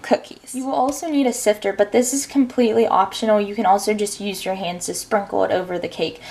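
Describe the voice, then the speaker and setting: A woman's voice: medium pitch, steady tone, fast, vocal fry, a little mellow. A young woman talking viewers through a home baking recipe in a casual, chatty way. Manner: chatty, talks straight to viewers. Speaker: cooking vlogger. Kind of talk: casual cooking tutorial.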